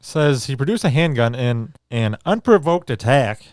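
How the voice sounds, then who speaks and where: A man reads news stories aloud on a podcast and breaks off into sarcastic, crude jokes. His pitch swings widely as he goes. The sound is dry and close, with no room echo. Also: sing-song, normal speed. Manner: sarcastic, swearing, reads articles and riffs on them. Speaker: podcast co-host. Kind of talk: casual podcast chat reading news aloud.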